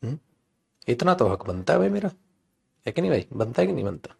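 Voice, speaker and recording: A man's voice: medium pitch, sing-song, a little fast, vocal fry. A man with an Indian accent teaching an English grammar class in Hindi, chatty and teasing, often calling the students beta. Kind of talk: live online class in Hindi.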